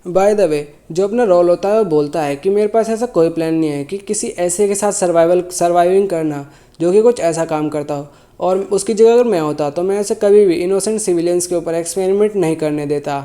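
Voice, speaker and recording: A man whose voice sits high and mellow briskly recaps a manhwa story while sick with a sore throat. He's casual and loose about it, often stopping mid-sentence to rephrase or correct himself.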